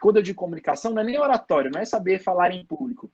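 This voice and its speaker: A man's voice: high voice, lively intonation, rapid-fire, a little mellow, husky, muffled recording. A man giving a casual online lecture to his students, repeating points for emphasis, with many restarts. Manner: frequent restarts and filler "é". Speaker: professor.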